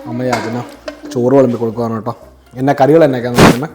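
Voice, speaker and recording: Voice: mid-range voice, steady tone, racing, darkish tone, faint music behind. A family vlogger chatting casually and narrating the day's goings-on to the camera. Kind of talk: casual family vlog chat.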